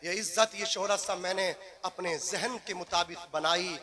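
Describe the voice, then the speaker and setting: A man preaching a fiery sermon, shouting his lines in a sing-song cadence, with a crowd and music behind him. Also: sits high, moderate pace.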